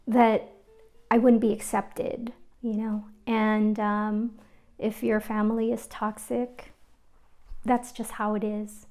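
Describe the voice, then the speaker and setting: A woman from the Philippines speaks in a documentary interview, sharing personal memories in a relaxed, reflective way. Her voice sits slightly high, and soft music plays faintly underneath. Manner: candid and conversational, reflective, with fillers and laughs. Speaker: interviewee, arts organizer.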